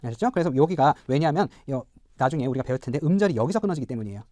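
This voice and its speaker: A middle-aged man, a professor, giving a recorded pronunciation lecture, explaining step by step, repeating example words slowly and asking checking questions. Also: mid-range voice, animated, dark tone, dry recording, clean studio sound. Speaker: professor teaching English pronunciation.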